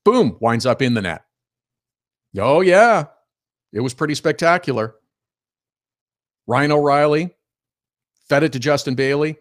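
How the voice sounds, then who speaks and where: A man's voice: a little high, expressive, a little slow, pauses often. A man hosting a hockey radio show, talking in a chatty, opinionated way and laughing as he tells stories. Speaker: sports radio host. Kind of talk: casual hockey radio talk.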